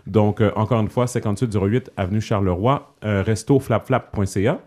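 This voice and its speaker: A podcast host with a Quebec French accent chats loosely on a casual show, his voice fairly low and his pace a little fast. He's relaxed, leans on plenty of fillers, and slips English phrases into his talk.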